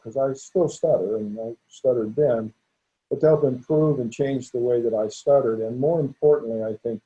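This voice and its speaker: Here a veterinarian in his sixties speaks with a warm, medium-pitched voice as an interview guest. He's open in conversation yet stutters, repeating and restarting, and the recording is dull and lo-fi.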